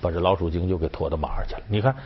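A man's voice: low voice, very fast, a little hiss or hum. A man hosting a storytelling commentary, chatty and rhetorical, acting out the characters. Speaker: host. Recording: dull sound with faint music.

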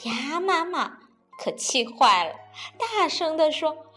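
A woman reads a children's picture book aloud in a playful, animated way. Her voice is high and moves all over the place, and she takes her time with each line. Soft music plays faintly behind her. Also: slow pace. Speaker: storyteller. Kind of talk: children's storybook reading.

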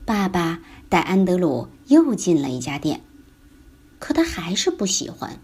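Slow, husky woman telling children's stories. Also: on the low side, very animated, a little mellow. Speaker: children's storyteller. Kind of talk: bedtime story narration.

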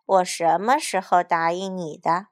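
A woman's voice: on the low side, steady tone, a little slow, lightly acted. A woman playing a pompous, greedy male mayor who drawls smugly and throws in English words. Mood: sly. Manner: boastful, smug drawl, mixing in English.

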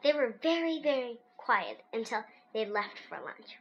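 A woman reading a children's storybook aloud in an animated, sing-song, playful way. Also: fairly high pitch, measured pace, dull audio, a little hiss or hum. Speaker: storybook reader.

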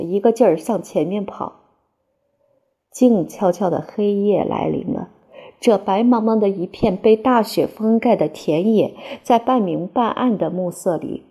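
A woman narrating a literary novel aloud in the first person, with a measured and expressive reading. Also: medium pitch, vocal fry, husky. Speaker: audiobook narrator.

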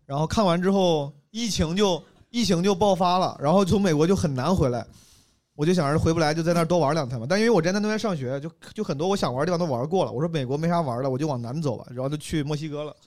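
Here a young Henan comedian, his voice on the high side, rattles off a tale at rapid-fire speed in a laid-back chat. His delivery is lively, broken up by laughter as the story unfolds.

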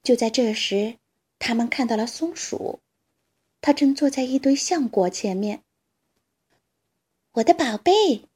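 Female storyteller for children, unhurried and soft, slightly husky. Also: on the high side. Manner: slow, gentle and warm storytelling.

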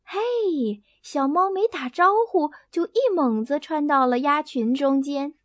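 A woman reads a bedtime story aloud in a gentle, expressive way, her voice sitting high and her pace slow and unhurried. The recording is close and dry, with no room sound. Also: dry recording.

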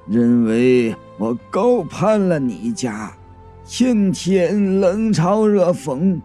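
A man voicing a resentful, scheming young son-in-law in a storytelling, pleading slowly and bitterly. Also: sits high, dark tone. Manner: slow, bitter, self-justifying pleading.

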